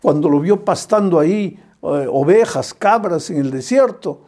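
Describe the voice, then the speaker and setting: A man's voice: fairly high pitch, expressive, a little slow, warm tone. A male pastor preaching an evangelistic sermon with impassioned, repetitive cadences, speaking directly and fondly to the listener.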